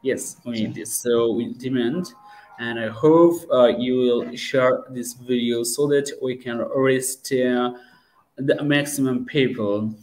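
A young man hosting a live English practice interview over a video call from a room at home, speaking haltingly with many fillers and repeatedly asking viewers to share. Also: mid-range voice, a little mellow, faint music behind, poor audio. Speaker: host and teacher. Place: home room with starry painted wall. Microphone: webcam on video call.

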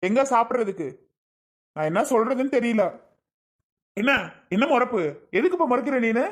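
A woman's voice: mid-range voice, fast talker, darkish tone, lightly acted. A woman playing an irritable young husband, complaining, ranting, family skit. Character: grumpy hungry young husband.

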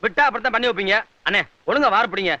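A cheeky hot-tempered brother. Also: male voice, high voice, very fast, no room sound. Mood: bantering. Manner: cheeky banter, then furious shouting. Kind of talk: 1980s-90s Tamil film dialogue.

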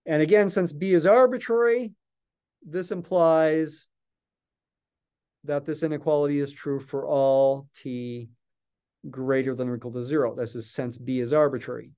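An older man teaches a recorded calculus lesson, explaining step by step and thinking aloud while he writes. His voice sits a little high for a man, yet it is mellow and smooth. He talks into a desk mic in a small office. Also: fairly even intonation, moderate pace. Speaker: math lecturer.

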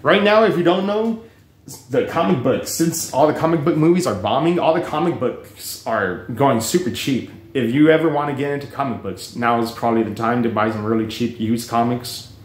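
A man's voice: medium pitch, normal speed. Rambling man in an echoey room. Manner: rambling, frequent fillers and restarts, swears often. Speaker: book reviewer vlogger. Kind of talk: casual rambling commentary.

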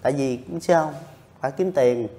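A man's voice: mid-range voice, moderate pace, mellow. A man being interviewed, earnest and repetitive as he explains his long working days. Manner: earnest, repeats himself while recounting. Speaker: interviewee, street vendor. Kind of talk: casual interview talk.

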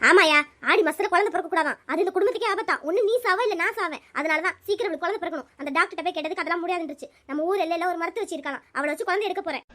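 A woman's voice: very high voice, rapid-fire, few pauses, a bit bright. A woman voicing a scheming, superstitious mother-in-law in a cartoon, who scolds and gives orders. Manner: scolding, commanding. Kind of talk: cartoon voice acting.

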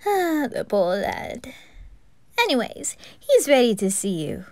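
An eccentric, creepy male undertaker, as a woman puts him on for a fan audio drama. He talks slowly and playfully, breaking into high cackles, with a mellow, dark-toned voice. The sound is close and dry. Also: sing-song, no echo. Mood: amused. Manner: giggly, playful, cackling laughs. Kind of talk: fan ASMR roleplay.

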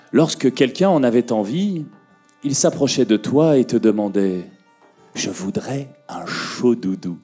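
Slow, husky man telling a fairy tale. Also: on the low side. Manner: slow, expressive, rising and falling for effect. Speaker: storyteller. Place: conference room.

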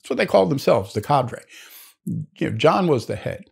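Gravelly older man telling old stories. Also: medium pitch, sing-song, normal speed, a little mellow. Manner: rambling, with many restarts and asides. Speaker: naval historian. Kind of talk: anecdotal storytelling.

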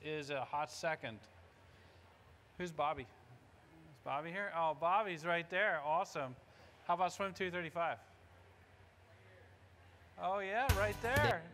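This man in his fifties has a fairly high, fairly bright voice, with slight background noise behind it. He's presenting an informal live product demo from a stage in a large indoor conference hall, talking to the audience in short phrases.

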